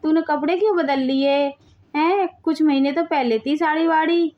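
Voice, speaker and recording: A woman's voice: sits high, normal speed, lo-fi sound, close to an everyday voice. A woman doing a fussy, dramatic mother-in-law. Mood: boastful. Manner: boastful, then wailing theatrically. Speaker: voice actor for a cartoon story. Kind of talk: Hindi cartoon dubbing.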